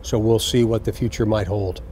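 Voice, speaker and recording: A man, a senior police official, gives an earnest, deliberate address to recruits, repeating key phrases for emphasis. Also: lowish voice, fairly even intonation, warm tone, slight background noise.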